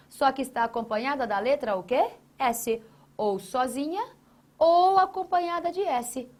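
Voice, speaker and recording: A woman with a fairly high voice leads a grammar lesson. She is emphatic and keeps putting questions to her student, then answering them herself. She repeats each key phrase to drive it home. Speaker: Portuguese grammar teacher.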